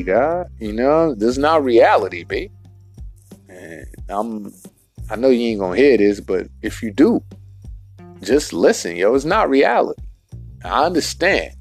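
A man hosting a solo podcast rant, profane and emphatic, in street slang, repeating his points and spelling words out slowly. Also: medium pitch, a little mellow. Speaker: podcast host.

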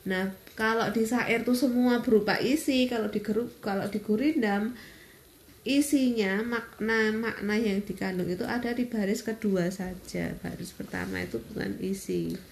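Perempuan Indonesia menjelaskan dengan sabar, suara bergema. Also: female voice, mid-range voice, gravelly, roomy sound. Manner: patient, step-by-step explaining with pauses. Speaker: interviewed mother explaining a school lesson. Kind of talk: informal explanatory interview answers.

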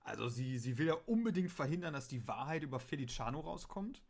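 A man talking in a loose, rambling way, filling his sentences with ums and ahs. He chats casually about a radio play. Now and then he slips into quick acted quotes. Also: mid-range voice, very animated, gravelly, a little mellow. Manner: rambling, many fillers, acts out quotes. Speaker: podcast co-host.

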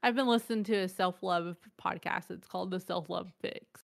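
A woman's voice: on the low side, moderate pace, gravelly. A woman co-hosting a podcast in casual chat, rambling through stories with plenty of "like". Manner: rambling storyteller, filler "like". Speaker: podcast co-host.

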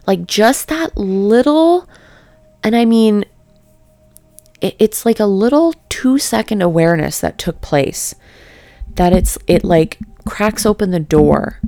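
A woman giving a reflective spiritual talk in a calm, near monotone voice, halting and searching for words with many fillers. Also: mid-range voice, no room sound. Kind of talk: reflective spoken meditation talk.

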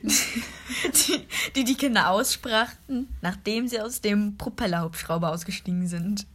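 A woman's voice: mid-range voice, unhurried, fairly bright tone. A woman narrating a story in a casual group read-aloud, laughing and breaking off for side remarks.

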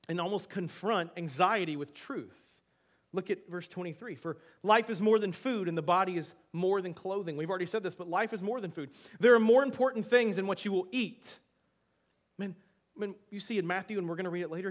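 A male pastor giving a sermon to a congregation in a church, talking conversationally with many rhetorical questions and moving between soft asides and emphatic bursts. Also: high voice, brisk.

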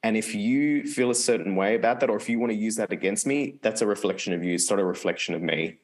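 A deep-voiced man co-hosts a podcast, chatting casually at a quick pace in a laid-back, rambling way. He is open and earnest, and his speech is full of "like" fillers.

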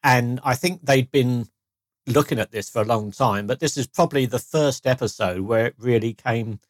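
A podcast co-host chats casually, thinking aloud as he goes. His voice is medium in pitch at a moderate pace, with clean studio sound and no room echo.

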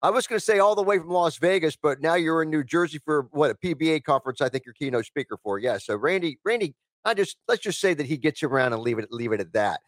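A man's voice: on the high side, animated, fast talker, no echo. A man hosting a live talk radio show, reading news items aloud and rambling with lots of fillers. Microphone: studio microphone.

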